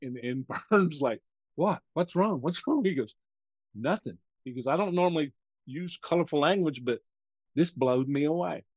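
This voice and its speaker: A man's voice: fairly high pitch, normal speed, no echo. A man in his sixties from the United States, a guest chatting casually in an interview and telling rambling stories while acting out what other people said. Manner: rambling storyteller who acts out other people's lines. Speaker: podcast guest, real estate investor.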